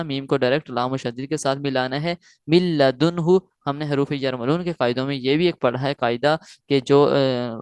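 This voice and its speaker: A man teaching Quran recitation online, explaining each rule and then slowly reciting each phrase several times. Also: a little high, clear, resonant tone, dry recording, clean studio sound.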